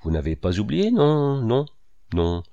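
A man reading a novel aloud, putting on a fussy, chattering old lady who repeats herself and piles up rushed phrases. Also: mid-range voice, sing-song, warm tone, highs cut off. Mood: fussy gushing.

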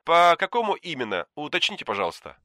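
A man doing a smooth scripted realtor. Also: on the high side, big pitch swings, fast talker, sharp tone, no echo, studio quality, voice pushed up. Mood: formal. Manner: formal, rehearsed, evasive. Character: polite, scripted male realtor on the phone.

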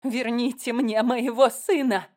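A woman reading an audiobook, voicing a distraught middle-aged mother who shouts and sobs. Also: steady tone, unhurried, natural voice. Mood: sobbing, shouting. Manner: shrill, tearful shouting.

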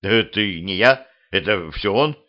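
A man voicing Petrovich, a gruff, grumpy male cemetery watchman who growls threats. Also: fairly low pitch, lively intonation, measured pace, muffled recording.

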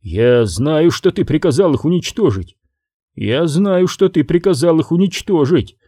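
A sullen, defensive hitman, as a male audiobook reader puts him on, talking a little higher than the narration. He grumbles and pleads his excuses in a lively, uneven voice. The tone is dark and mellow, dry and close. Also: measured pace, slightly rough, no echo.

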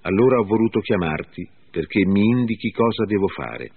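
A man's voice: fairly low pitch, lively intonation, a little fast, vocal fry, slightly rough, exaggerated voice. A man voicing Saul, a troubled ancient king, in an earnest pleading reading. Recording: phone-like lo-fi with faint music.

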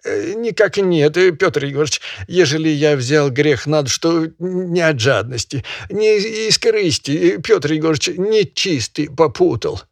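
A timid old peasant poacher bleats in a high, quavering falsetto, as a man puts him on, stumbling over every phrase with nervous "e" sounds. His pitch jumps about as he pleads, and it sits in a dry, close sound for a storybook reading. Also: animated, measured pace, creaky, hardly any pauses, dry recording. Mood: fearful, pleading. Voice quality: high trembling falsetto with hesitant "e" fillers.

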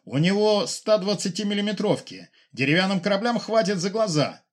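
A man's voice: sits high, sing-song, fairly quick, voice pushed up. A man doing a matter-of-fact naval officer. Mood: dry. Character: knowledgeable male naval officer.

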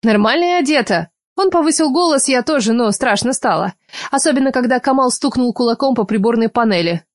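A woman's voice: a little high, lively intonation, fairly quick, no echo. A woman narrating a novel in the first person, reading expressively with emotion. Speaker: audiobook narrator.

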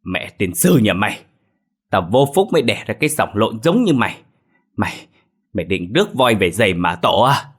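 A man voicing a furious, proud old village patriarch who curses and shouts at his daughter. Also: on the low side, sing-song, moderate pace, husky, heavily acted. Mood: raging. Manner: shouting, cursing, raging.

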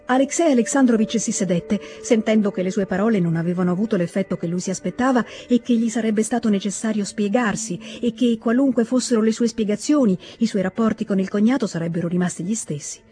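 A woman reading a classic novel aloud in a measured, even storytelling manner. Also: medium pitch, faint music behind. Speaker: audiobook reader. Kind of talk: scripted literary narration.

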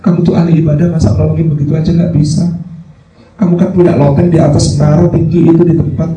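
A man's voice: on the high side, flat delivery, quick pace, a crowd in the background, lightly acted. A man voicing a sly, wheedling male devil who whispers temptations, recorded from a distance in an echoey hall with music behind. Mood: coaxing. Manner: coaxing, insinuating.

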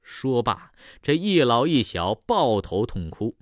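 Lively male storyteller, dramatic swings. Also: medium pitch, takes it slowly, no echo, studio quality. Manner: dramatic, swelling rises and falls. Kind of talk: traditional Chinese storytelling narration.

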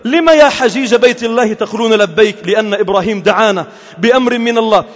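Man, Friday sermon, very high voice, impassioned, long mosque reverb. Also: racing. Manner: impassioned, rising to shouted exhortation. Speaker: Friday preacher. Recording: echoey mosque hall.

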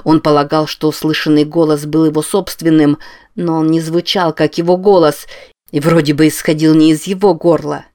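A man reading a novel aloud as an audiobook narrator, with measured scripted narration. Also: a little high, level tone, darkish tone.

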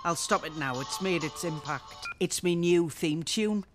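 A woman's voice: on the low side, a little slow, music in the background, natural voice. A woman acting a nosy neighbour who fancies herself a detective, smug and theatrical. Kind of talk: sitcom acting.

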